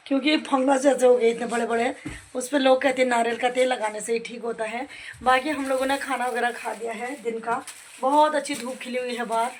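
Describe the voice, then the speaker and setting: Filming her everyday routine around her home, both inside and outside in the sunshine, a young woman from north India's hill region talks in a chatty way and laughs a lot. Her voice is fairly high, and the rough recording carries a little hiss or hum.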